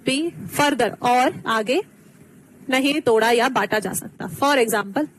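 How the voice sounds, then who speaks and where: A woman teacher giving an online exam-prep lesson, explaining slowly, switching between two languages and quizzing her students. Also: a little high, slight background noise, poor audio.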